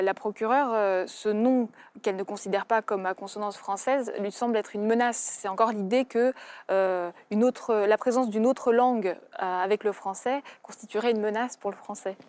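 A woman's voice: medium pitch, a little mellow. A woman author from the former Soviet Union, speaking hesitantly with many fillers as a guest on a TV talk show. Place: TV studio.

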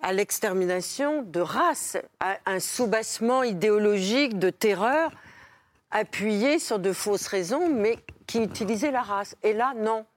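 A woman guest in a studio debate, speaking in a measured, reflective way. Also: mid-range voice, lively intonation, no room sound. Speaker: guest commentator.

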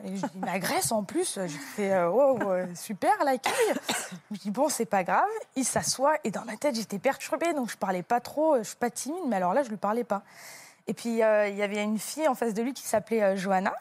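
A young woman guest on a TV talk show, telling a personal story with lively acted-out quotes. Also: fairly high pitch, quick pace, dry recording.

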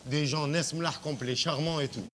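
A man playing a pompous northern marquis in a 1970s TV comedy sketch, using a squeaky falsetto. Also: steady tone, moderate pace, heavy background noise, lightly acted.

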